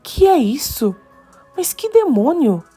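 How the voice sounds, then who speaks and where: A woman's voice: on the low side, animated, slow pace, mellow, soft background music, exaggerated voice. A woman voicing a scheming middle-aged father, wheedling and easily flustered.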